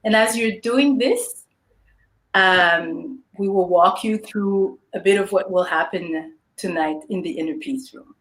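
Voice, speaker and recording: A Canadian woman with a voice on the low side, fairly bright in tone, speaks a little slowly in a roomy, echoey recording. Co-hosting an online meditation session, she gives a warm welcome and explains the plan in a friendly way, with frequent ums.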